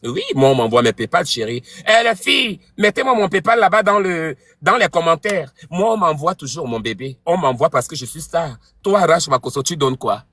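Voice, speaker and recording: A man's voice: a little high, lively intonation, normal speed, hardly any pauses, a bit bright, no room sound. A man hosting a live stream, taunting and mocking a rival in a heated argument.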